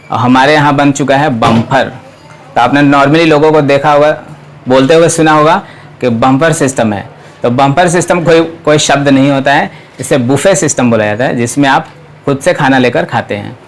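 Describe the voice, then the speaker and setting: A man teaching English pronunciation, spelling out words letter by letter and repeating them slowly. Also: on the high side. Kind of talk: pronunciation lesson.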